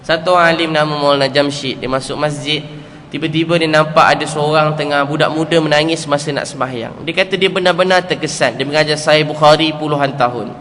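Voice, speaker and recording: A man's voice: fairly high pitch, fairly even intonation, quick pace, fairly bright tone. Man, Malaysian accent, middle-aged, sermon, earnest storytelling, long hall echo. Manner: storytelling, earnest, with repeated phrases and rhetorical questions. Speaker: preacher. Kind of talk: sermon to a congregation. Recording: echoey hall, faint background noise.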